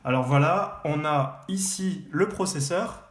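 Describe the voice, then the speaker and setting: A man's voice: on the high side, measured pace. A man unboxing computer parts in a casual vlog, talking hesitantly with lots of fillers and restarts. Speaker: tech youtuber. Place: room at his desk. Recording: echoey room, faint background noise.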